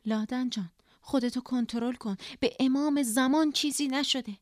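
A woman reading Farah, an anxious woman pleading to calm her sister, in a storybook. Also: medium pitch, no room sound, clean studio sound, natural voice. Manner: urgent, pleading reassurance.

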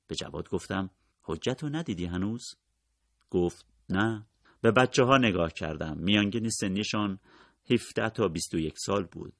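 A man narrating a novel in a calm, measured way, his voice sitting very low with a gravelly edge. The sound is dry and close, with no room around it. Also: no echo. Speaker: audiobook narrator. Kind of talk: scripted literary narration.

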